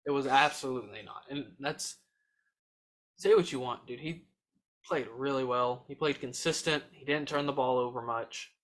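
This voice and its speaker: A young man co-hosting a podcast, talking sports in a fast, excitable, emphatic way. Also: mid-range voice. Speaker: podcast co-host. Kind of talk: casual sports chat.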